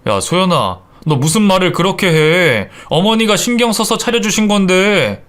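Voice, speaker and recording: A man's voice: high voice, expressive, normal speed, fairly bright tone, voice pushed up. A man voicing an exasperated grown son and husband in a radio drama, pleading and scolding in turn. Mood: reproachful. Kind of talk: Korean radio drama acting.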